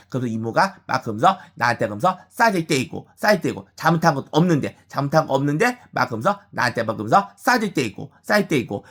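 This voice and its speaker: A man's voice: mid-range voice, fairly bright tone. Man rambling with constant repetition. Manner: rambling, repeats words and phrases over and over; halting, with frequent restarts. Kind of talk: personal monologue about family grievances.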